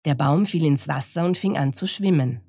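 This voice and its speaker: A woman reading a children's picture book aloud in a slow, expressive storytelling manner. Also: sits low, slightly rough, dry recording.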